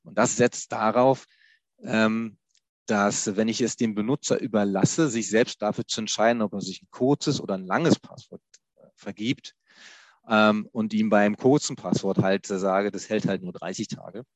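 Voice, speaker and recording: An IT security expert guest explains password security in conversation, hesitating often with many fillers and restarts. His voice is fairly low, his pace moderate, and there's no room sound.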